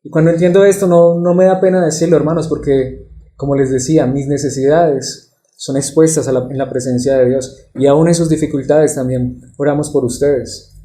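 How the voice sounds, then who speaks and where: Male pastor, earnest sermon, fairly high voice, very mellow tone, echoey church room. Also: fairly even intonation, moderate pace, slight background noise. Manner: warm, earnest, with frequent rhetorical questions. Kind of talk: expository sermon.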